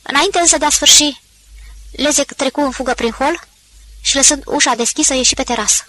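Woman audiobook narrator, bright and fairly high, steady and expressive. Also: dry recording, rough recording.

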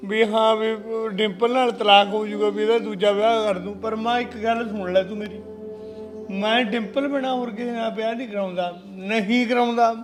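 A man's voice: high-pitched, steady tone, fairly quick, over music, close to an everyday voice. An actor playing a lovesick son who whines that his wife left him. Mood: pleading. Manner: whining, pleading.

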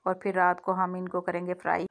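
A woman's voice: fairly low pitch, monotone, fairly quick. A woman hosting a home cooking vlog, chatting casually as she cooks and often saying "theek hai" and "mashallah". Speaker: cooking channel host. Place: home kitchen.

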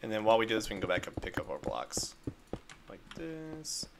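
A man's voice: on the low side, very animated, brisk, gravelly, background noise. A man casually narrating a game-building tutorial step by step, upbeat and playful with little sound effects. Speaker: Minecraft video creator.

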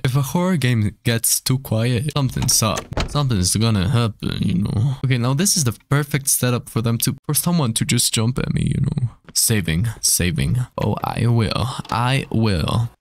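A man's voice: mid-range voice, lively intonation, moderate pace, vocal fry, noisy background. A man whose native language is Spanish gives nervous, casual let's play commentary on a horror game, thinking aloud and swearing often. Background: game music.

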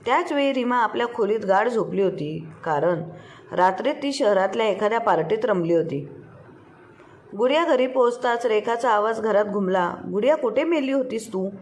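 A woman storyteller reading a scripted story in a steady, expressive way. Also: mid-range voice, normal speed.

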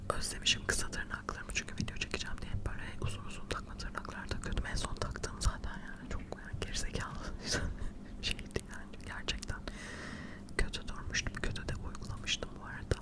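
A middle-aged woman whispering quietly in casual, rambling, self-deprecating ASMR chat, close to the microphone. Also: a little fast. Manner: quiet, hushed late-night whispering. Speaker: ASMR video creator. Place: furnished living room at home, indoors. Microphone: furry-covered microphone close to the mouth.

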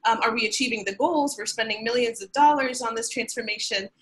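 Webinar host, woman from Sudan, bright and a touch high, upbeat with ums, on a webcam call. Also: fairly quick, poor audio. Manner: upbeat, many filler ums. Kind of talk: webinar presentation. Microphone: webcam on video call.

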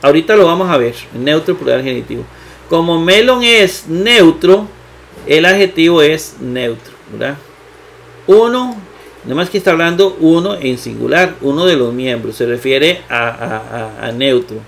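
A man teaching a grammar lesson at his computer, speaking slowly with many fillers and rhetorical questions. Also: on the high side, animated, gravelly, a bit bright, a little hiss or hum. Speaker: Bible teacher.

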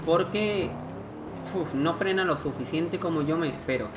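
A man's voice: fairly high pitch, unhurried, over music. Chatty man narrating gameplay. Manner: chatty, thinks aloud, reads game text aloud. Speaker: gameplay commentator. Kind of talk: let's play commentary.

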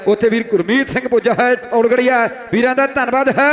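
A man's voice: very high-pitched, fairly even intonation, fast, a bit bright, in a large hall. A man with a Punjabi accent calling a kabaddi match in frantic rural sports commentary.

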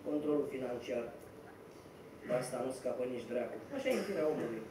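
An actor playing a boastful, cynical young idler on a small theatre stage, talking with swagger and theatrical flair. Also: male voice, medium pitch, animated, lightly acted. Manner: swaggering, theatrical, laughing at his own schemes. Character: boastful cynical young man-about-town, idle schemer. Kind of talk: live stage comedy acting. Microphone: far camera mic. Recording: echoey theatre, distant mic, noise.

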